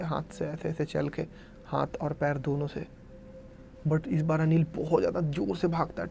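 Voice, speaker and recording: Gravelly man telling a horror story. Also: a little high, mellow, a little hiss or hum. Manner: retells events in present tense, dramatizing quoted cries. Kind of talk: casual spoken storytelling.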